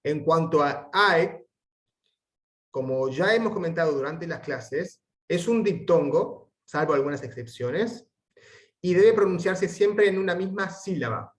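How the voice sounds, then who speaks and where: A man gives a recorded Latin lesson, reading aloud and drilling pronunciation one syllable at a time. His voice sits a little high for a man. He speaks slowly and takes his time over each sound. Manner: slow, careful spelling out of syllables and sounds; reads the Latin text aloud deliberately. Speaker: Latin teacher.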